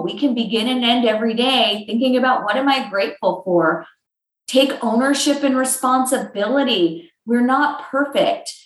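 A woman's voice: on the high side, roomy sound, rough recording. A woman guest in a podcast interview, earnestly coaching and acting out example phrases as she explains. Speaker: guest speaker on emotional intelligence.

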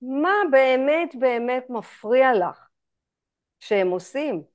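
A woman leads a women's group in an animated way. Her voice sits fairly high. She slips into soft, hushed inner dialogue now and then. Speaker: spiritual group facilitator. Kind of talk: guiding a women's group session.

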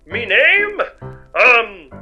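A man's voice: extremely high pitch, sing-song, drawn-out words, sharp tone, highs cut off, soft background music, exaggerated voice. A man voicing a cheerful, earnest male space hero in a retro radio serial parody. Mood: flustered fake pirate.

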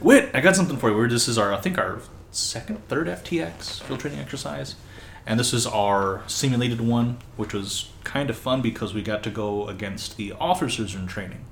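A man in casual chat, telling relaxed, rambling anecdotes with fillers like "uh". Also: lowish voice, roomy sound, a little hiss or hum.

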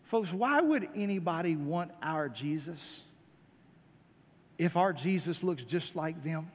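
In a large, echoing hall where his voice is amplified for a church service, an American man with a high voice preaches like a revival pastor. He is slow, expressive and fervent, leaning on repeated phrases and pointed rhetorical questions.

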